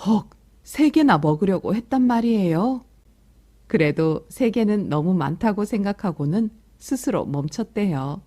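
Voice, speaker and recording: Speaking in a warm, mid-range voice, a woman reads expressively and a little slowly. She's a teacher telling a picture-book story to young children, pausing to comfort and talk with them.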